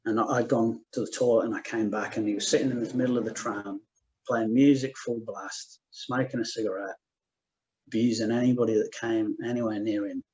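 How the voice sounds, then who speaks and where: Soft-spoken man sharing a testimony. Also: on the low side, steady tone, a little fast, lo-fi sound. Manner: soft-spoken, many restarts and repeated "just". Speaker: guest speaker. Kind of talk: personal testimony at a spiritual meeting.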